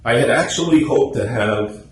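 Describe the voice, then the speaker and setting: This club presenter and radio script writer gives a relaxed, story-filled presentation to a small group in a meeting room. He speaks at a normal pace with a medium-pitched, expressive voice. The room echoes and carries faint noise.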